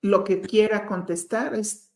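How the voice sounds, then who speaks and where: A woman interviewer, asking measured, probing questions. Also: mid-range voice, fairly even intonation, roomy sound.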